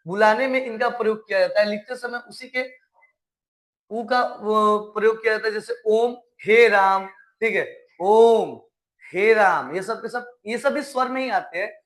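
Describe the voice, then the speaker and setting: Man, online class teacher, high voice, draws out vowel sounds, answers his own questions. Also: a bit bright. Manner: coaxing, asks questions then answers them; drawn-out recited vowel sounds. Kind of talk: live online class lesson.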